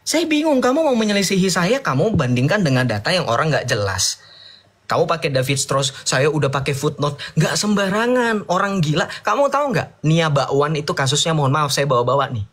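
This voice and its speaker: A man in a heated debate who lectures his opponent in a sarcastic, combative tone. His voice sits somewhat high, and he slides between casual slang and formal phrasing. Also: lively intonation, brisk, fairly bright tone.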